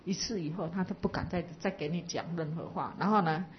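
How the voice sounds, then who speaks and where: A woman's voice: on the low side, a little fast, highs cut off, a little hiss or hum. Patient woman giving a dharma talk. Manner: patient, explanatory, asks listeners to reflect. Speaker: Buddhist teacher. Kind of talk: dharma talk to a live audience.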